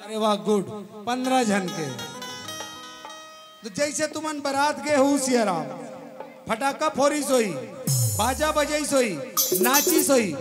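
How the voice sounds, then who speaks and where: A very high-voiced man with a Chhattisgarhi accent performs as a kids' party magician. He teases and repeats counts and magic words in live show patter. Music plays along with his voice on a stage sound system. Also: animated, slow pace, pauses often.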